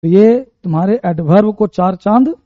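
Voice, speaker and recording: Animated high-voiced male teacher. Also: normal speed, no echo. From India. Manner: animated, acts out everyday scenes to explain. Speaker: English grammar teacher. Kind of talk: classroom lecture. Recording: muffled, slightly lo-fi sound.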